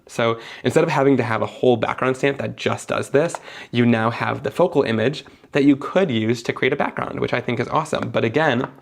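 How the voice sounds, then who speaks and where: A young man leads a live card-making tutorial, eagerly talking through every step despite being sniffly after an illness. His voice is medium in pitch with a creaky quality.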